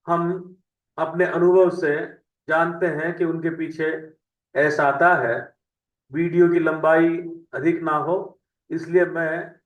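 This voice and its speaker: Male teacher, high voice, dictates words very slowly; dull lo-fi sound, echoey room. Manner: slow deliberate word-by-word dictation. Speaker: English teacher. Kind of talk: slow teaching by word lists. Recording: echoey lo-fi room audio, mic at a distance.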